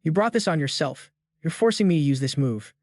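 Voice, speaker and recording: A cocky young fighter who calls himself a war god, smug and taunting in every line, as a man reads him. The voice sits a little high and the sound is dry and close, like a storybook recap read into a mic. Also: lively intonation, a little fast, darkish tone, no room sound. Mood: furious.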